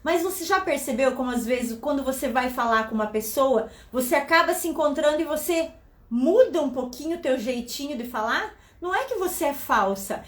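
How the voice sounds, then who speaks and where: A woman hosting a motivational talk for women, speaking fast, loud and very animated. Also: high voice, roomy sound. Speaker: host.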